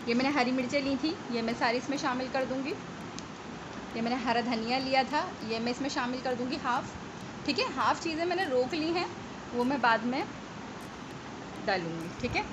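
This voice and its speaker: Woman cooking host, pitched a bit high, chatty step-by-step tutorial, noisy home kitchen recording on a phone. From Pakistan. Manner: chatty, checks in with viewers.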